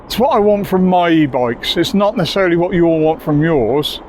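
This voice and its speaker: A man's voice: fairly high pitch, expressive, fairly quick, a little mellow, a little hiss or hum. A man giving a chatty, enthusiastic bike review outdoors, rambling a little as he talks. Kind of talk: casual video review.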